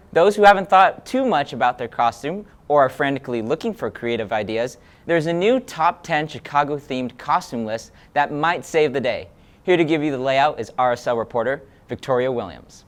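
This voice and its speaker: A young man anchors a sports news segment with a scripted, upbeat delivery. His voice sits at an ordinary middle pitch for a man, and the reading is playful and brisk. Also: animated. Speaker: student sports show host.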